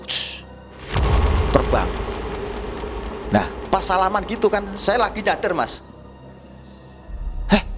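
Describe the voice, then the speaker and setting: A man's voice: high voice, fairly bright tone. A man telling a personal story casually, acting out the dialogue as he goes. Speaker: guest storyteller, spiritual healer.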